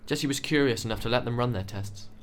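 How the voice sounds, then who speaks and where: A man narrating a novel in steady, scripted audiobook style. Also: mid-range voice, fast talker.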